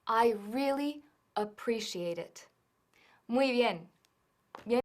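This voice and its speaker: A woman giving a scripted English lesson, modelling phrases slowly and carefully. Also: a little high, lively intonation. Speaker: English teacher.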